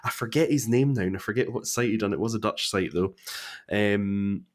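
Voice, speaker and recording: A man co-hosting a podcast, chatting casually in a rambling way with restarts and sudden bursts of excitement. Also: on the low side, a little fast. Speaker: podcast co-host. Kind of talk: casual chat.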